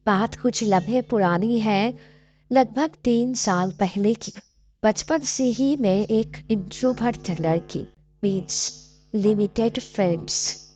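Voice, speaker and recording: A young woman narrating her own story in the first person, in an earnest, soft-spoken confessional way. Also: mid-range voice.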